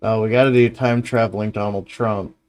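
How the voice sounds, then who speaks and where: A man's voice: fairly low pitch, steady tone, brisk, a little mellow. A man chatting casually and thinking aloud as he hosts, hesitant and muttering, with some swearing. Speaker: livestream host reacting to videos.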